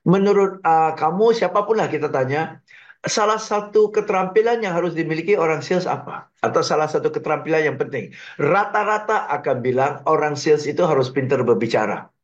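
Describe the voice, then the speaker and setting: A man gives sales advice as a radio guest, energetic and fond of rhetorical checks with his listener. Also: a little high, a little fast. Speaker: sales trainer guest on a business radio show. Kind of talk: radio talk, explaining with lively examples. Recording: dull lo-fi radio broadcast.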